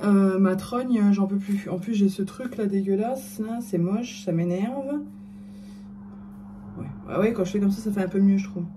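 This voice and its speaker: A woman's voice: mid-range voice, warm tone, slight background noise. A middle-aged woman chatting casually in her vlog, self-mocking and hesitant, often trailing off with fillers. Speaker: vlogger.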